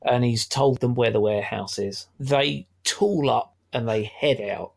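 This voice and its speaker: A man's voice: medium pitch, measured pace, gravelly. A middle-aged man, chatting wryly about a film as a podcast co-host. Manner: chatty, wry, laughs often. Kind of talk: casual film discussion.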